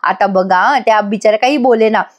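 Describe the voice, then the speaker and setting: A woman's voice: medium pitch, a little fast. A woman giving a chatty voice-over recap of a TV serial episode and speaking directly to her viewers. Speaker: TV serial reviewer.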